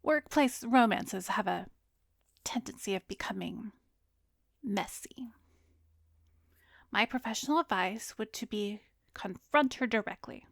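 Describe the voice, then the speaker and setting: In ASMR roleplay directed at the listener, an actress plays a soothing, composed female therapist who is secretly an arrogant vampire. Her expressive mid-range voice is soft and measured, gentle, professional and probing, drifting into breathy whispers as she soothes and advises. The close studio mic sound is very dry, with no echo.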